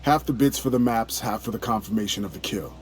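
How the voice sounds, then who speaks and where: An actor playing a breezy, smug contract killer in a video game, glib and condescending. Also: male voice, fairly low pitch, fast, faint music behind, lightly acted. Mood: breezy, businesslike.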